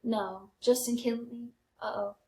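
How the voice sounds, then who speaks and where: Unhurried and warm, her voice is a little high with a steady tone. She's a young adult American woman co-hosting a comedy podcast, casually chatting and telling personal stories in a roomy, echoey space.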